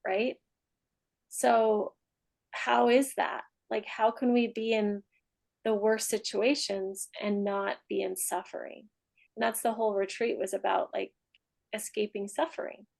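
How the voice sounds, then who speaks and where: A woman's voice: on the high side, steady tone, vocal fry, poor audio. A woman leading a group coaching session, chatting freely with frequent laughs. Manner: chatty, laughs often, trails into soft slow meditation voice. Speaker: mastermind group leader. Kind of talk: coaching talk and guided meditation.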